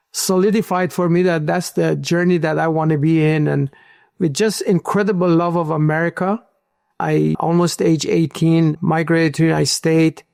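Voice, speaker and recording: Man in his 60s from iran, gravelly higher voice, earnest, dry close sound. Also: a little mellow, dry recording. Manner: earnest storytelling with small slips. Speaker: guest entrepreneur. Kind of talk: interview answers.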